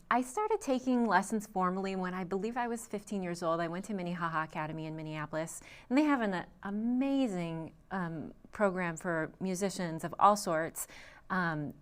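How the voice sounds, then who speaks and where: A young adult woman, a trained singer appearing as a guest vocalist, answers interview questions thoughtfully. Her medium-pitched voice is smooth, though she frequently says um and restarts her sentences.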